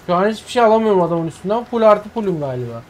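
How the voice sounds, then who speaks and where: A man giving live gameplay commentary as a streamer, excitable, swearing and yelling at the action on screen. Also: high-pitched, very fast. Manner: excitable, swears and yells at the game. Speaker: gaming streamer.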